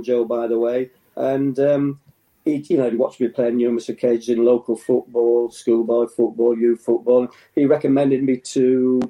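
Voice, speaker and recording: An older man from England with a very dark, mellow voice recalls his playing days. He talks in a relaxed, halting way, restarting sentences and chuckling often. His pitch sits in the middle. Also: poor audio. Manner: halting, with many fillers and restarts and frequent chuckles. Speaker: former footballer, guest. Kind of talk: relaxed reminiscing interview.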